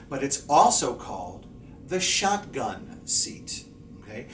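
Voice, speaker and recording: A male English teacher giving a lively video lesson, constantly checking in with his students by asking "okay?" and "right?". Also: on the high side, a little hiss or hum. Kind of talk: classroom-style video lesson. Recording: echoey room, voice a bit far off.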